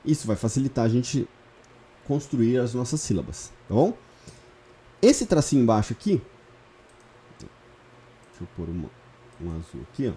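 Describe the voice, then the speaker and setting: A man's voice: medium pitch, very animated, moderate pace, pauses often, dark tone, slight background noise. A man teaching a lesson step by step, patient, repeating key points and checking in often. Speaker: Hebrew teacher. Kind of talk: online lesson, explaining step by step.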